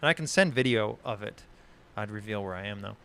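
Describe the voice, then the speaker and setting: A man's voice: lowish voice, animated, brisk, creaky, bright, forceful tone, clear, resonant tone. Exasperated, swearing man ranting. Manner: frequent swearing, heated and exasperated; rambling with many restarts. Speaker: podcast host. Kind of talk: casual online discussion stream.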